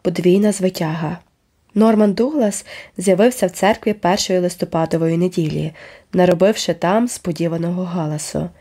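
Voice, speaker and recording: A woman narrating a children's novel aloud in a measured, expressive storytelling manner. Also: lowish voice, slightly rough. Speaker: audiobook narrator. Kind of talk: scripted narration.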